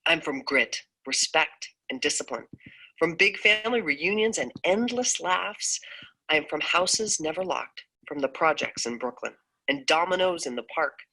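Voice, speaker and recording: A woman's voice: sits low, normal speed, low-quality recording. A woman radio host chatting playfully with her co-host and reading poem lines aloud. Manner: playful, animated.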